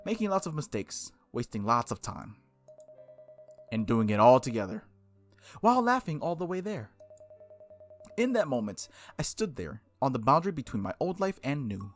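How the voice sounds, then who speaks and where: A man with a mid-range voice hosts a gaming video, very animated and at a normal speed, pausing often over faint background music. He chats casually in let's play fashion and reads aloud, playful and exclamatory, frequently breaking off mid-thought.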